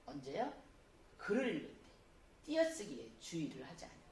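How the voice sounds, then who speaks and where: A woman teaching a spelling class, explaining patiently and reading example phrases slowly. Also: lowish voice, wildly swooping pitch, a little mellow, a little hiss or hum. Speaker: Korean spelling instructor. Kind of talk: classroom lecture. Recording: echoey room, voice from a distance.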